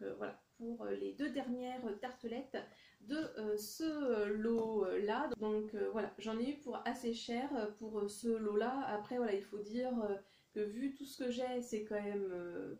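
A French woman chats through a casual haul vlog, full of little hesitations and fillers. Her voice is fairly high but mellow and soft-edged. The room around her rings with a noticeable echo. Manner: chatty, hesitant with many fillers; reads English product names in a deliberate French accent. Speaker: vlogger showing a haul.

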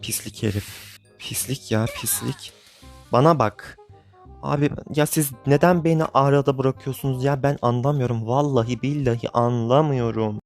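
Young gaming creator, irritable running commentary, mid-pitched, faint music under. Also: male voice, moderate pace. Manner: exasperated, grumbling, venting at the game. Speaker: gaming YouTuber. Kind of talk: frustrated live game commentary.

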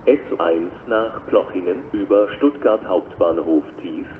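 Low, slow man making flat platform announcements. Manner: measured, formal, flat delivery in set phrases. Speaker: railway station announcer. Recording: dull lo-fi recording with loud station noise.

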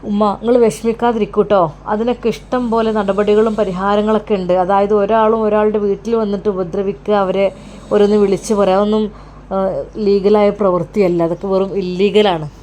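A woman lowering her voice for a young grown son who comforts his worried mother, steady and earnest. His tone sits noticeably deeper than her own in a storybook tale. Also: a little fast, a little hiss or hum, lightly acted. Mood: soothing. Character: young adult male son, calm and reassuring.

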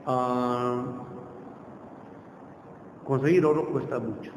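A man's voice: medium pitch, fairly even intonation, slow pace. A man giving an informal classroom lecture, constantly checking in with his listeners with tag questions. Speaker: university lecturer. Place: lecture room. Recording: roomy hall echo, faint noise.

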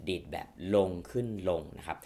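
A man's voice: moderate pace, heavy background noise. A man giving a casual guitar lesson, explaining patiently and politely and counting beats aloud. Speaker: guitar teacher. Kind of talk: casual instructional talk. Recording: clear guitar playing under voice. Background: guitar playing.

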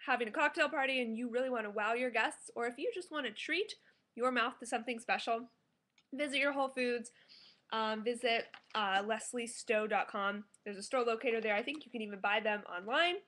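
Bright, high-voiced woman reviewing food. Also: fairly quick. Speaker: food blogger and product reviewer. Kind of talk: casual food review to camera. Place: small living room at home, indoors.

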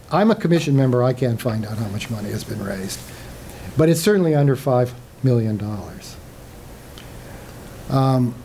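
A man's voice: medium pitch, dark tone, a little hiss or hum. An older man giving a public lecture with slides, speaking conversationally with frequent fillers and restarts. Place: lecture hall.

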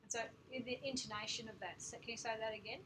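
A woman's voice: a little high, steady tone, fast talker, noisy background. A woman in a classroom audience asking curious questions and thinking aloud as she asks them.

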